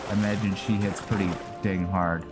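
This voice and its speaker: With game music in the background, a man narrates his own gameplay in a voice that sits low, with fairly even intonation and a moderate pace. He muses aloud casually and throws in mild exclamations.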